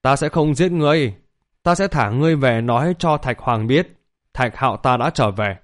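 A man voicing a calm, confident young hero who speaks tersely. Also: mid-range voice, normal speed, lightly acted.

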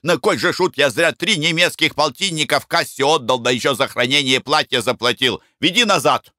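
A man voicing an irritable, blustering gentleman traveler who shouts and scolds. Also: on the high side, a little fast, dry recording, studio quality, voice pushed up. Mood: angry.

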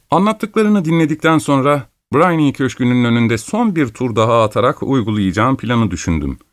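A man narrating a classic detective story in the first person, in a measured storytelling manner. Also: mid-range voice, no room sound, studio quality. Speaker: audiobook narrator.

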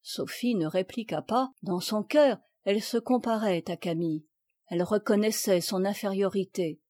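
A woman reading a classic children's novel aloud in measured, clear scripted narration. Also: mid-range voice, warm tone, dry recording. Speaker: audiobook reader.

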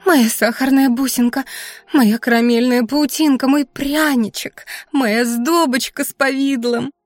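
A woman's voice: high-pitched, steady tone, a little slow, no echo, soft background music, pitched above the performer's own voice. Woman playing a gushing, tearful blue cat. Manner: showers endearments.

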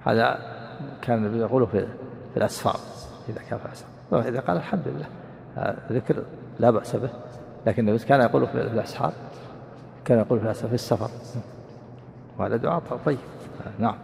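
A man who, as a religious teacher, explains a text line by line in a measured way and repeats phrases to make them clear. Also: mid-range voice, a little mellow. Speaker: sheikh teaching a hadith class. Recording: reverberant hall, faint background hiss.

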